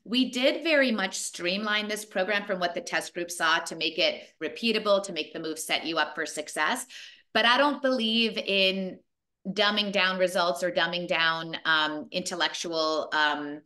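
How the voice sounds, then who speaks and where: An energetic woman in her forties talks on a video call from home, pressing her points with emphatic repetition. Her voice sits a little low for a woman yet sounds bright and forceful. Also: unhurried. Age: 40s. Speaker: fitness program creator. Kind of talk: video call talk to business partners.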